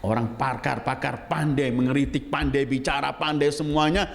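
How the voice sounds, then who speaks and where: A male Islamic preacher giving a Quranic exegesis sermon, swinging between high, emphatic exclamations and low, measured explanation, and reciting Arabic verses in a slow chant. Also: fairly even intonation, vocal fry. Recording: long hall reverb.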